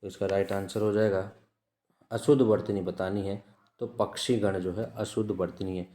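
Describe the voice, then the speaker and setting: A man teaching as an exam-prep tutor, reading out test questions, then repeating each answer in a measured way. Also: lowish voice, fairly even intonation, mellow, echoey room. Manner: measured, repeats answers with frequent "ठीक है" checks.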